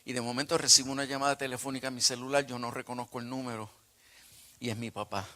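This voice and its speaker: A man pastor telling a personal testimony in a sermon, emotional and surging to loud bursts. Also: mid-range voice, flat delivery, fast talker. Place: retreat conference hall.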